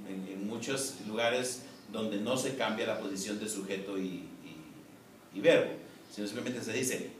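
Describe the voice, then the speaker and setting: A man as a professor giving a recorded class lecture, explaining in a measured way with frequent "eh" and "¿no?" tags. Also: mid-range voice. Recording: echoey room, distant mic, faint noise.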